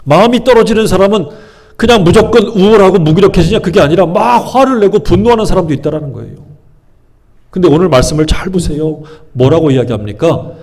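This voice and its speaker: A male pastor with a high-sitting, expressive, slightly mellow voice preaches quickly. He puts questions to his congregation and answers them himself, acting out people's inner thoughts in changing voices.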